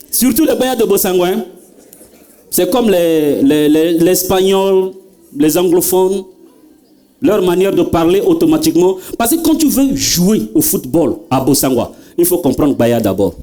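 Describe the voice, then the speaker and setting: A man doing stand-up comedy, telling stories and talking straight to the audience. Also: high-pitched. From Central African Republic. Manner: animated storytelling, addresses the audience directly.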